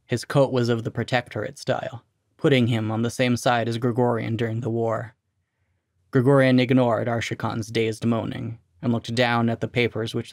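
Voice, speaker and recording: Gravelly-voiced man reading a story. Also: medium pitch, a little mellow, no room sound, clean studio sound. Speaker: narrator, story reader. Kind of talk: scripted narration of a short story.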